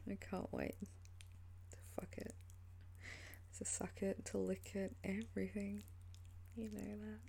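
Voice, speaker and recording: A woman doing an ASMR role-play as a flirtatious, teasing lover, in a sultry, breathy and seductive voice. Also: medium pitch, flat delivery, a little slow, pauses often, dark tone.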